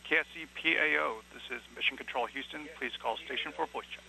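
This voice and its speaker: A man makes clipped mission control calls like a space-age communicator over the radio. His voice is very bright and hard-edged, with a gravelly rasp. He moves quickly through formal procedure. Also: mid-range voice, rough recording. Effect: radio transmission. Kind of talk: sci-fi communicator style radio call, procedural.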